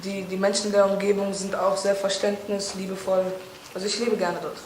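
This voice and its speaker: A twenty-three-year-old woman from Berlin answering interview questions fluently and calmly. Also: medium pitch, moderate pace. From Berlin, Germany. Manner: fluent, composed. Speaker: local youth council member. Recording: roomy, distant mic, faint noise.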